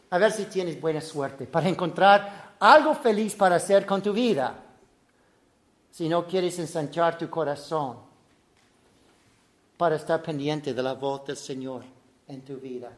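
A man preaching a sermon, animated, swinging from loud to soft and acting out quotes. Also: on the high side, takes it slowly, pauses often. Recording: echoey room.

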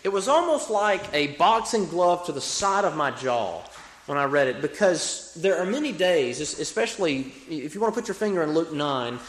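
A man's voice: on the high side, expressive, normal speed. A young man with an Alabama Southern accent preaches a sermon in an earnest, folksy manner, repeating phrases for emphasis. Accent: Alabama Southern American. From Alabama, United States. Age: young adult. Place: reverberant room, preaching to a congregation. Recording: echoey hall with long reverb.

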